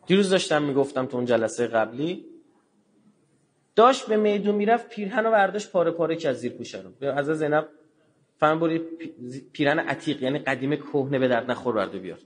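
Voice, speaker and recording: A man giving a religious lecture in a colloquial way, telling stories and acting out the dialogue, with sudden low, quiet asides. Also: expressive. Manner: colloquial, acts out dialogue in quotes.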